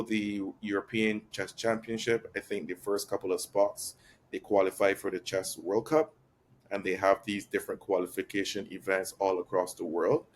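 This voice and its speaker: A man from Barbados, a chess master guest, explaining things in a measured way with frequent ums and restarts. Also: lowish voice, a little hiss or hum. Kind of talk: explanatory interview talk. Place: Barcelona.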